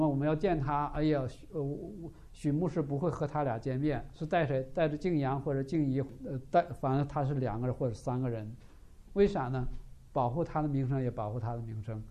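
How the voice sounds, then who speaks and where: Animated preacher man with a mellow voice. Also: a little high. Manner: animated, frequent rhetorical questions. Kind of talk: sermon with storytelling.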